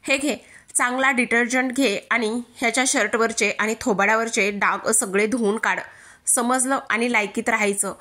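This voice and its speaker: A woman's voice: a little high, fairly even intonation, moderate pace, bright, forceful tone. A woman narrator voicing an arrogant, haughty rich woman from a TV serial, speaking in a scornful, condescending way.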